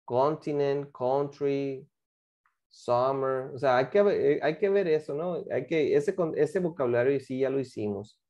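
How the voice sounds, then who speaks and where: Speaking in an extremely low, warm voice at a measured pace, a woman explains homework to her English class; she is patient and keeps checking comprehension with frequent questions.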